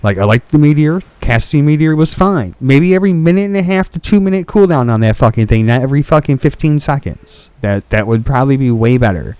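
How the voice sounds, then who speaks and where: A man's voice: medium pitch, lively intonation, fairly quick, hardly any pauses, darkish tone, clear, resonant tone, dry recording. A young man hosting a gaming video, ranting in frustration about a boss fight, swearing and restarting his sentences. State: hiccups. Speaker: gaming channel host. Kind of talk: ranting game commentary.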